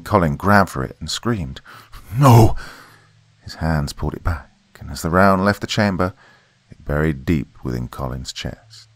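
A man narrating a horror story in a steady, measured reading voice. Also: very deep voice, no room sound.

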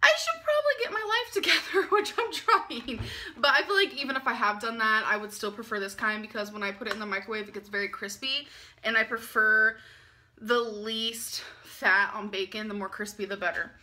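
Young woman, twenties, bright tone, slightly high voice, giggly casual vlog chatter, home kitchen. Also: brisk. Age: 20s. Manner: chatty, giggly, talks while unpacking items. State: tired, late at night. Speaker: vlogger. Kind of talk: casual grocery haul vlog.

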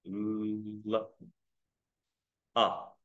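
A man's voice: on the low side, completely flat delivery, extremely slow, fairly bright tone, muffled recording. A man teaching an English lesson in a playful way, switching between languages and repeating words for learners to copy.

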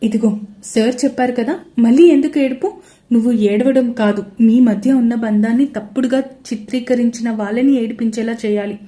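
A woman's voice: on the high side, moderate pace, dark tone, lightly acted. A woman doing a firm, coaxing sister-in-law. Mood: encouraging. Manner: coaxing, encouraging.

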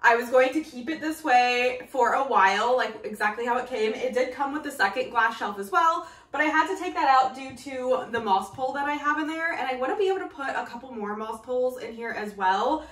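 Speaking high, brisk and expressive with few pauses, this young woman has a fairly bright tone. She's a channel host vlogging casually to camera in a small tiled indoor bathroom. The camera sits a few feet off, so the sound is distant and echoey.

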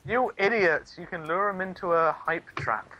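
A man's voice: high voice, lively intonation, normal speed, sharp tone, highs cut off. A young man joking around as co-host of a casual gaming chat. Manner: joking, playful.

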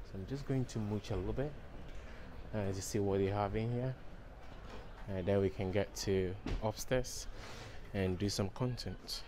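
Noise surrounds this man in his forties as he vlogs his shopping trip through a clothing store and along a busy street, handheld camera at arm's length. His fairly low voice keeps a measured pace, chatty and filler-laden as he addresses viewers.

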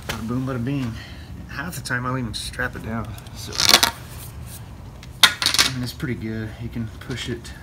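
A man's voice: medium pitch, fairly even intonation, moderate pace, heavy background noise. A young man hosting a fishing channel, casually walking through a homemade project in a laid-back, rambling way full of fillers, recorded on a phone in a garage. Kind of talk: casual DIY walkthrough. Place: open garage.

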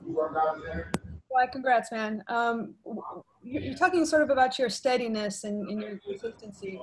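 A woman reporter asking a question in a halting way, restarting her sentences. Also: on the high side, lively intonation, slight background noise, rough recording. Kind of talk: press conference question.

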